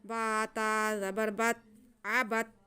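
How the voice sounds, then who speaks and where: A woman teaching Quran reading, chanting letters and syllables slowly, then explaining the rules in quick soft asides. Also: fairly high pitch, flat delivery, clear, resonant tone.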